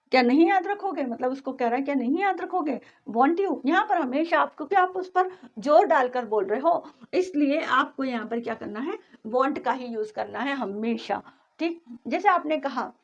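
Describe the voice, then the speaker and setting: High-voiced woman teaching grammar, lo-fi. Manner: explains patiently, reads example sentences slowly and repeats them. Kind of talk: explanatory lesson.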